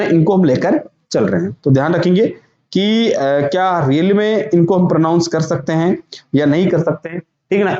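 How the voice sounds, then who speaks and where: A man teaching an exam-prep vocabulary lesson, repeating each word slowly and asking students to say it back. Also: on the high side, dark tone. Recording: echoey room, dull lo-fi sound.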